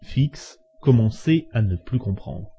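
A man reading a classic novel aloud as audiobook narration, measured and expressive. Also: fairly low pitch, breathy edge. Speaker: audiobook reader. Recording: dull lo-fi recording.

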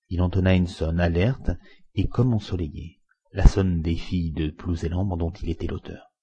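A man narrating a story aloud in a measured, expressive reading. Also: low-pitched, slightly rough. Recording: muffled lo-fi recording.

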